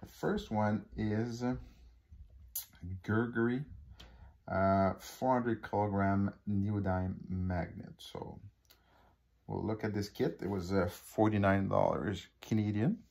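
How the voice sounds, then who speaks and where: A native French speaker from Quebec, this man talks with a Québécois accent in a low, gravelly, slightly mellow voice, steady in tone and slow. He's a hobby vlogger casually narrating an unboxing filmed on a phone over a living-room table, full of fillers and restarts.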